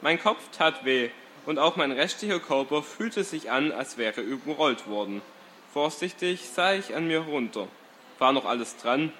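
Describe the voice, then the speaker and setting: A man reading a first-person story aloud in a calm, steady way. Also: a little high, measured pace, slight background noise.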